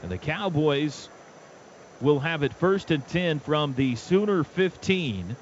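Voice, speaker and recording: Calling live football on radio, an American play-by-play announcer speaks slowly in a slightly high, expressive voice, in short clipped present-tense bursts. The dull, noisy broadcast comes from a stadium radio booth, with outdoor stadium background noise clearly heard.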